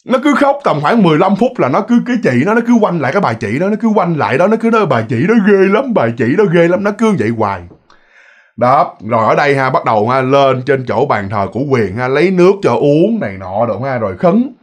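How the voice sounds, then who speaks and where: A man's voice: a little high, fast, husky. A man telling a ghost story in a chatty style, talking straight to his listeners. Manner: chatty, addresses listeners directly, lively. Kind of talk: casual spoken storytelling.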